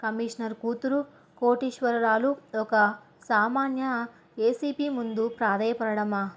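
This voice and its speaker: A woman's voice: a little high, natural voice. A woman voicing a harsh, sarcastic young police officer.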